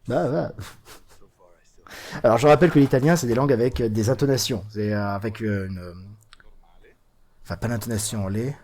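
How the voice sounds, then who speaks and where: A man giving casual, chatty commentary while playing a video game as host of a let's play, mocking it with frequent hesitations and lively swings in pitch and loudness. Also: moderate pace, long pauses.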